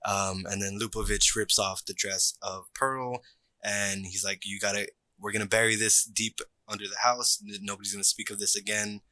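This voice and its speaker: A man's voice: fairly low pitch, level tone, moderate pace, sharp tone, dry recording. A man co-hosting a podcast, steadily retelling a film's plot in detail. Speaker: podcast co-host. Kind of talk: casual movie recap chat.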